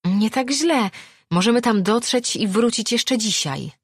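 A woman's voice: animated, unhurried, slightly rough, no room sound, clean studio sound, heavily acted. A woman voicing a timid but determined young sea-dwelling girl, breathless and eager. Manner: breathless, eager, high-pitched.

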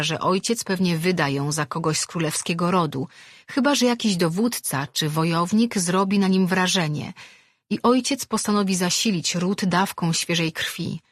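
A woman narrating an audiobook in an even, measured storytelling manner. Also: on the low side, no room sound, clean studio sound. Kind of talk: scripted narration.

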